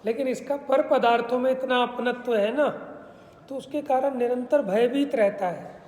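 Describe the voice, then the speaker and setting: A man's voice: very high-pitched, normal speed, darkish tone. Guy giving a religious talk, checks everyone gets it, big echoey hall sound. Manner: explains patiently, often checks that listeners understood. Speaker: spiritual teacher. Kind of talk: religious discourse.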